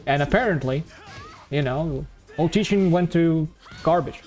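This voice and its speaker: A man from Ukraine hosting and commentating a fighting-game tournament stream, relaxed and chatty. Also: on the high side, a little slow, faint music behind. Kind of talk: casual esports commentary.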